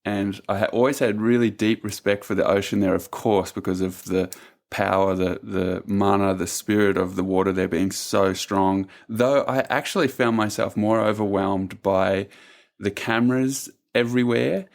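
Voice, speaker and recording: Male podcast co-host, low-pitched, reflective casual talk. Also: steady tone, normal speed, vocal fry. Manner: thoughtful, searching for words. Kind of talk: casual conversational reply.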